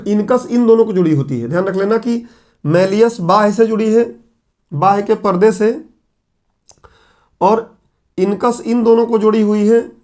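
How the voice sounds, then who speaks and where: A man's voice: high voice, darkish tone. A middle-aged male teacher with a sore throat lecturing a class at a board, explaining step by step and posing questions that he answers himself.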